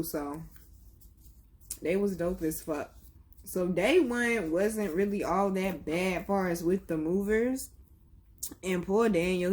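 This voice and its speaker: Blunt, profane woman with a low voice. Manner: blunt, profane, animated storytelling. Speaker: vlogger. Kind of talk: casual storytelling vlog.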